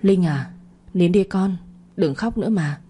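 A woman's voice: fairly low pitch, measured pace, husky. A woman voicing a scheming, cruel middle-aged mother with a conniving way of talking. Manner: coaxing then sharp, conniving.

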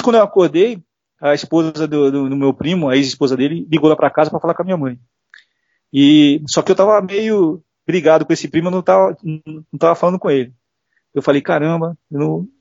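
Speaking fast in a creaky, somewhat mellow voice on the high side, a middle-aged Brazilian man shares sincere personal stories as an interview guest and imitates the people he quotes. His accent is Brazilian Portuguese and the talk is casual testimony. The recording is lo-fi, dull and dry, without room sound.

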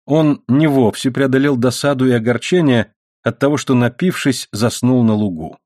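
A man narrating a novel as an audiobook, reading in a measured, steady way. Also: medium pitch, no room sound, clean studio sound. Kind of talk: scripted narration.

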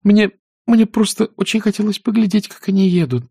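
A man's voice: high-pitched, brisk, creaky, warm tone, slightly rough, dry recording, clean studio sound, pitched above the performer's own voice, heavily acted. A male narrator voicing a spoiled, willful young widow in a raised, petulant voice for an audiobook. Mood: pleading.

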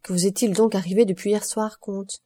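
An impetuous young soldier, loyal and earnest, read by a woman. He bursts out in protest and then speaks politely. Mellow audiobook reading. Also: medium pitch, fairly even intonation, fairly quick, breathy edge, dry recording, lightly acted. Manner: earnest, exclaiming.

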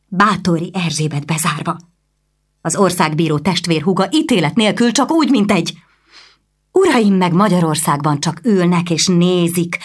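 A woman voicing a fiery fourteen-year-old noble girl, with indignant, fast outbursts, in a storybook reading. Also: fairly low pitch, voice pushed up, close to an everyday voice.

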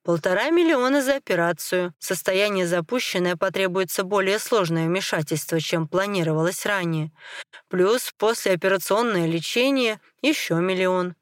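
A woman's voice: mid-range voice, moderate pace, clean tone, no room sound, studio quality, close to an everyday voice. A woman reading the lines of a tired male head doctor in his fifties, formal and matter-of-fact. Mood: grave.

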